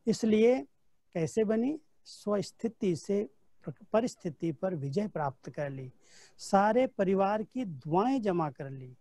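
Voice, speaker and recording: Mellow-voiced man telling devotional stories. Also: high-pitched, animated, slow, no echo. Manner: storytelling, recounting dialogue from memory. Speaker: spiritual teacher giving a class. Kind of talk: devotional class with personal anecdotes.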